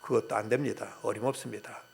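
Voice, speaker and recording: A man, a pastor, voicing a scheming male devil who bargains with defiant, quick retorts inside a sermon. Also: fairly low pitch, steady tone, gravelly, husky, pitched below the performer's own voice, full character voice. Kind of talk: acted quote within a sermon.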